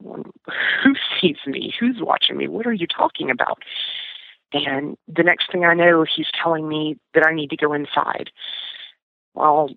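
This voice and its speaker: Over a tinny, dry phone line with no echo, a woman with a deep, creaky voice takes her time telling a personal experience as a guest. Her casual storytelling is full of fillers and restarts.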